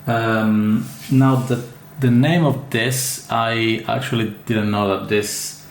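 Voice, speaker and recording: A man's voice: medium pitch, fairly even intonation, takes it slowly, creaky. A man with an Italian accent, an orchid grower chatting casually through an unboxing, hesitant with many fillers and restarts. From Italy. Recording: echoey room with faint ambient noise.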